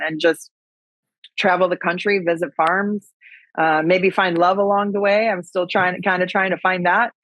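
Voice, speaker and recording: This Wisconsin woman, an agriculture advocate and speaker, talks in a relaxed, chatty way as a podcast interview guest. Her pitch sits fairly low with a bit of brightness. The audio is dull, with no echo.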